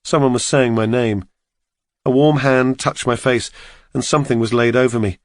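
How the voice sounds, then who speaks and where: A man narrating an audiobook in the first person, steady and measured. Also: medium pitch, dry recording, studio quality.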